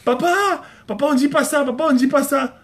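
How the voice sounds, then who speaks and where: Man doing a shrill, insistent little girl. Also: fast. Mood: scolding. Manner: insistent, whiny, repetitive. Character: little girl scolding her dad.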